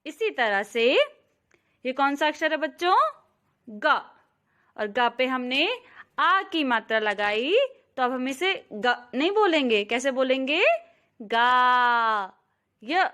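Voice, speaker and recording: Slow-speaking woman teaching phonics. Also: high-pitched, expressive, smooth. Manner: drawn-out syllables, addresses children warmly; very slow, careful pace. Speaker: kindergarten teacher. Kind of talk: slow, clear phonics lesson for young children.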